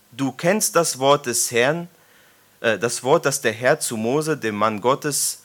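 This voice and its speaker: At a church gathering, a man in his thirties gives a relaxed sermon, reading Bible passages aloud and teasing his congregation with questions. He speaks at a medium pitch with a fairly bright tone.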